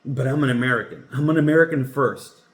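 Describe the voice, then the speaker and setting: A man's voice: medium pitch, fast talker. A man from Cuba hosting a podcast, giving his opinions in a casual, emphatic monologue that often halts and restarts. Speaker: podcast host. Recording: roomy echoey room sound.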